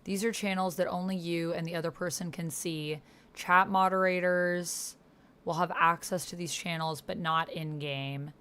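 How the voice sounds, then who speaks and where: Speaking at a normal speed in a fairly low, steady, smooth voice with a bit of brightness, this woman hosts and plays an online text roleplaying game. She chats informally, explaining as she thinks aloud, and reads some passages aloud.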